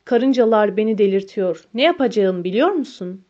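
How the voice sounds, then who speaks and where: A woman's voice: medium pitch, lively intonation, moderate pace, warm tone, lightly acted. A woman reading a crude drunken man. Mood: coarse taunting. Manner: coarse, taunting. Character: drunk, crude grown man, bitter and mocking. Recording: dull lo-fi recording.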